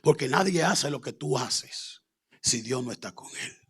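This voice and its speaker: A man voicing a learned Torah teacher who questions a master in a low, hushed and respectful voice. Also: expressive, unhurried, husky, exaggerated voice. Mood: hushed, deferential.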